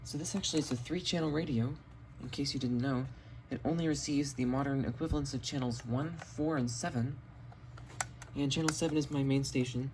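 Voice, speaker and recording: In a rough cell phone recording with noise in the background, a man with a medium-pitched, darkish voice talks briskly. Down in his home basement, this radio collector casually shows and explains his finds in a matter-of-fact show-and-tell.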